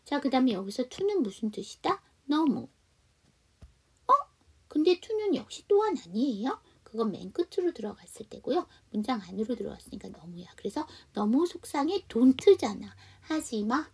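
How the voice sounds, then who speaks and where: A woman teaching an English conversation lesson, explaining pronunciation step by step and modeling phrases slowly. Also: high voice, big pitch swings, warm tone, slightly rough, far from the mic.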